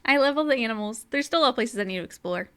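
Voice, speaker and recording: A woman co-hosting a relaxed gaming podcast, chatting and giggling between lines she reads aloud from a blog post. Her voice sits a little high for a woman and sounds bright and clear. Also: racing. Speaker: podcast co-host. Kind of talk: casual gaming podcast chat.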